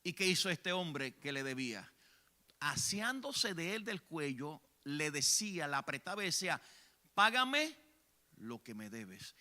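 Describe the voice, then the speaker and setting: Fervent Puerto Rican preacher man, high bright voice. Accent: Puerto Rican Spanish. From Puerto Rico. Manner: fervent, swings from hushed to shouting. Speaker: evangelist preacher. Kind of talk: sermon. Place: church sanctuary.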